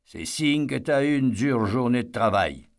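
A man voicing a harsh, drunken old father who growls and shouts his words, with a gravelly voice. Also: mid-range voice, expressive, a little slow. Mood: scornful. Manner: gruff, shouting and slurring when angry.

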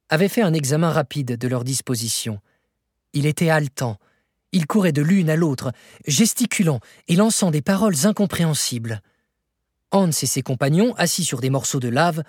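A man reading a novel aloud as an audiobook narrator, measured and expressive, rising in pitch for dramatic moments. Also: dry recording, studio quality.

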